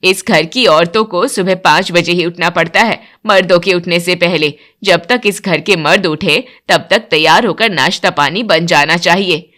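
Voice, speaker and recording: Woman voicing a stern mother-in-law, lower voice. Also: moderate pace, hardly any pauses, fairly bright tone, lightly acted. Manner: commanding, lays down house rules.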